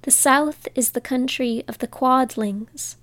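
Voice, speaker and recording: A woman's voice: high voice, takes it slowly, a bit bright, no echo, full character voice. A woman doing an earnest Munchkin man. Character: male Munchkin villager, earnest.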